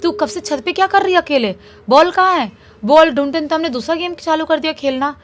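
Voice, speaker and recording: A woman voicing an older cousin brother who loudly scolds a younger girl. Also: a little high, steady tone, fast talker, close to an everyday voice. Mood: scolding. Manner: loud, scolding questions.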